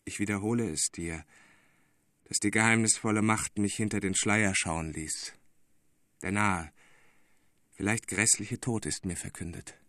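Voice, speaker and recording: A man's voice: fairly low pitch, measured pace, pauses often, a bit bright, dry recording. A man voicing a weary old court councillor who speaks in a faint, hollow, gloomy voice in an audiobook. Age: older.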